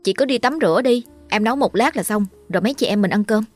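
A woman's voice: fairly high pitch, animated, fast, no echo, faint music behind, pitched above the performer's own voice. A woman voicing an anxious, caring neighbor woman who stammers with hesitant fillers. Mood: nervous.

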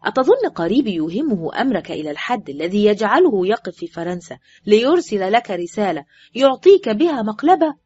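A woman reading an audiobook voices a man, a teasing and mocking friend who needles loudly and sounds incredulous. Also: medium pitch, big pitch swings, brisk, slightly rough, no echo. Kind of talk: audiobook character voice. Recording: dull, dry recording with faint music.

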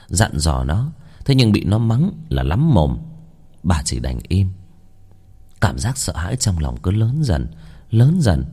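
A man tells a ghost story in a low, husky voice, hushed and dramatic. His delivery swings widely in pitch to build suspense. Soft music plays faintly behind him.

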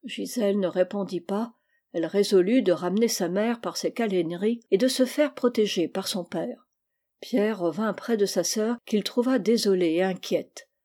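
A woman narrating an audiobook in a measured, even pace. Her voice is warm and mellow. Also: mid-range voice. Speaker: reader.

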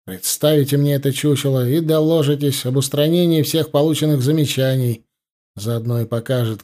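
A man's voice: on the high side, a little mellow, close to an everyday voice. A man voicing a strict young male ensign who barks orders with scorn.

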